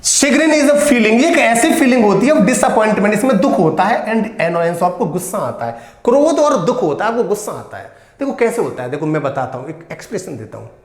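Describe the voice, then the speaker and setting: A man teaches exam vocabulary in a slightly high, animated voice that rises and falls constantly. He drills each word, asks it back, and coaxes his students along. The room around him is echoey. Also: fairly quick, hardly any pauses. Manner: addresses students as beta, repeats and quizzes them. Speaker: English teacher.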